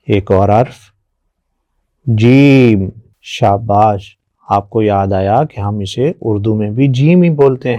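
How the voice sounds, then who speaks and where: A man teaching children their letters, patient and encouraging, often praising and drilling slow repetitions. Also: fairly low pitch, dark tone, no echo. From Pakistan. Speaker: Quran teacher.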